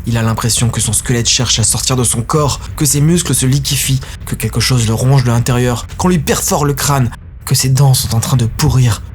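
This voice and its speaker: A man narrating a dark science-fiction audio story in a grave, intense manner. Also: medium pitch, normal speed, a little hiss or hum.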